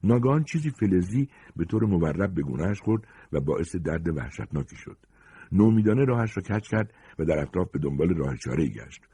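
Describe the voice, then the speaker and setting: A man reading a short story aloud with expressive, dramatic narration. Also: low-pitched, breathy edge, dry recording.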